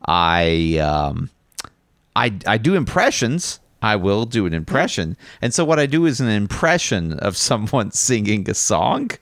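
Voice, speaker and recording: A man's voice: lowish voice, big pitch swings, a little slow, a bit bright, no echo, clean studio sound. A man co-hosting a casual chat, rambling and self-deprecating with frequent restarts. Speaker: podcast co-host.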